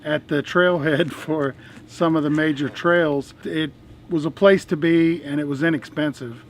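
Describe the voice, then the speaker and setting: A man's voice: fairly high pitch, steady tone, a little slow, slight background noise, low-quality recording. A man hosting a family travel vlog in a friendly, casual way, a little nervous on camera.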